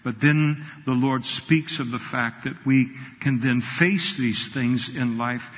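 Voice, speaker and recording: A man's voice: mid-range voice, slow pace, fairly bright tone. A man pastor preaching a sermon in a conversational way, with quoted asides to the congregation. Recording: reverberant hall.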